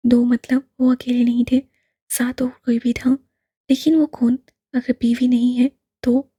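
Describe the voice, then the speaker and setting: A woman narrating a novel in a soft, hushed reading voice. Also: fairly high pitch, little pitch movement, unhurried, husky, no room sound, clean studio sound. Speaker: audiobook narrator.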